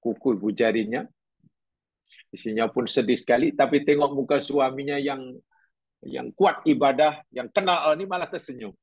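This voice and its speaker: A man's voice: mid-range voice, moderate pace, creaky, husky, dry recording. A middle-aged man teaching a religious class, talking conversationally, asking his listeners questions and telling stories. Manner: conversational, questioning the audience, storytelling.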